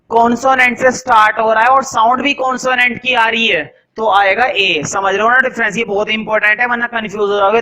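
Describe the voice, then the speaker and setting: A man teaching a grammar lesson in a classroom, with a high, bright voice. He keeps putting questions to the class and answering them himself in a lively, coaxing way. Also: low-quality recording. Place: classroom with a board.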